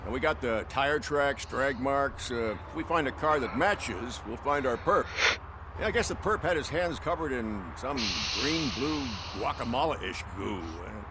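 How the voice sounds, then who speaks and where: A man's voice: medium pitch, expressive, unhurried, very noisy, natural voice. A man playing a world-weary, matter-of-fact police officer with a wry manner in a video game.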